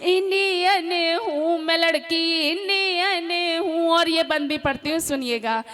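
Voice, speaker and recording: On stage at a live comic poetry gathering, a high-voiced woman poet sings ghazals and songs, linking them with spoken remarks. She sings the verses slowly but talks quickly between them, urging the crowd to listen. Her voice is a bit bright, with faint music behind her.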